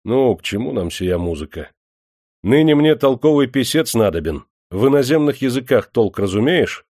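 A man voicing a stern, domineering male factory master who barks gruff commands in an audiobook. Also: mid-range voice, animated, normal speed, darkish tone, dry recording, clean studio sound, close to an everyday voice. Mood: imperious.

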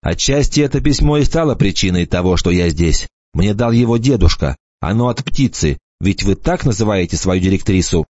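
A man's voice: on the low side, lively intonation, normal speed, darkish tone, dry recording. A male narrator voicing a scared young man who stammers and pleads while held at knifepoint, in a dull, dry recording. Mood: desperate insisting.

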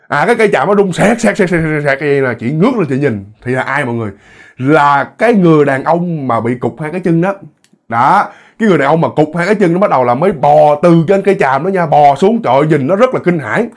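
Guy telling a ghost story, chatty, talks right to listeners, voice a bit high. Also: husky. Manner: chatty, addresses listeners directly, repeats words for effect. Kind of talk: casual spoken storytelling.

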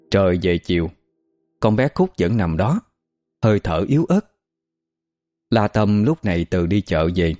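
A man with a fairly low voice tells a story, and his pitch rises and falls with lively expression. Faint music plays beneath the scripted narration. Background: faint background music.

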